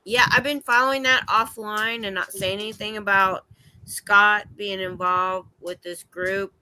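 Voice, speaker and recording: A woman's voice: medium pitch, fairly even intonation, measured pace, sharp tone, clean tone, no room sound, rough recording. A woman joining a casual late-night livestream chat, mostly answering with short agreeing remarks. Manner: brief agreeing responses. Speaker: livestream guest.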